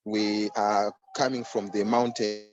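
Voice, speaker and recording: A man's voice: on the low side, flat delivery, unhurried. A man from Zimbabwe, a guest activist, explaining things step by step on a video call. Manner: explanatory, with restarts. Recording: dull, muffled video call audio.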